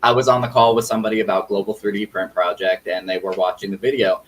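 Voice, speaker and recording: A man's voice: on the low side, fairly even intonation, quick pace, over a noisy crowd, rough recording. A man talking candidly and plainly in a casual group video call.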